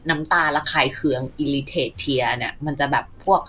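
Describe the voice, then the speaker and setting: A woman co-hosting a casual science chat, telling stories in a lively way and explaining facts as she talks. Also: very deep voice, moderate pace, slight background noise. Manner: lively storytelling, acts out her own reactions.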